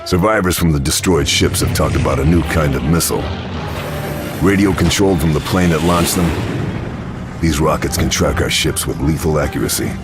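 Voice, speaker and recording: Over loud music, a man with a very deep, gravelly voice narrates a video game cutscene at a moderate pace. He plays the protagonist, a grim, resolute WWII Allied sniper agent on a mission, and sounds terse, hard-boiled and determined.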